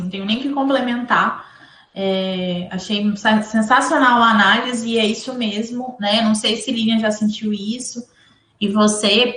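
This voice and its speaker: A woman from in Brazil, speaking reflectively and in an even tone as a panelist in a live discussion. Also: fairly high pitch, echoey room. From Espírito Santo, Brazil.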